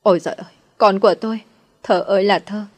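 A woman voicing a cruel older village mother-in-law who wails and curses loudly. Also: mid-range voice, steady tone, fast, dry recording, close to an everyday voice. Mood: wailing. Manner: wailing and cursing.

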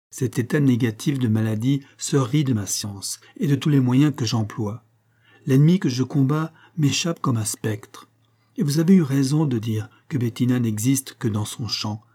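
A measured, patient old doctor, voiced by a male reader, speaking slowly and gently in a dark, husky voice. The delivery stays calm and deliberate. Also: medium pitch, close to an everyday voice.

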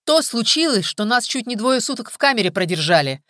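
A woman reading an audiobook, voicing a bitter young man who shouts abuse. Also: a little high, sing-song, a little fast, dry recording, clean studio sound, pitched above the performer's own voice. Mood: furious. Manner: snarling, abusive, shouting. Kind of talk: audiobook character voice.

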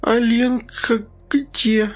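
A man voicing a drugged, half-conscious nurse who speaks hoarse and slurred, slowly coming round. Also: on the high side, fairly even intonation, pitched above the performer's own voice. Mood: groggy.

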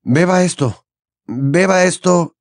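A man's voice: high-pitched, takes it slowly, creaky, dry recording, studio quality, pitched above the performer's own voice, exaggerated voice. A male audiobook reader voicing an anxious teenage boy wizard who talks in a tense, urgent way. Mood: urgent, coaxing. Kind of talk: audiobook character voice.

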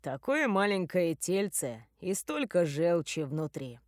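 A woman voicing a laconic half-blood man in an audiobook, speaking offhand and dry, a little lower than her own voice. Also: animated, moderate pace, darkish tone, no echo, lightly acted. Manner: offhand, understated. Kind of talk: audiobook character voice.

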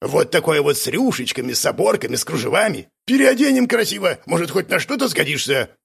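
A coarse bearded brute barks insults in a husky, gravelly voice pitched above a plain man's. A man acts him out for an audiobook. His tone swings hard between sneer and roar. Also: big pitch swings, brisk, fairly bright tone, full character voice. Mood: mocking. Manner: insulting, barking. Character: gruff bearded male brute, rude and scornful. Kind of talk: audiobook character voice.

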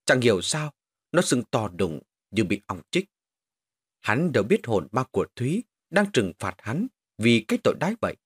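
Man telling a lively ghost story. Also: medium pitch, moderate pace, husky, dry recording, clean studio sound. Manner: animated storytelling. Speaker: narrator.

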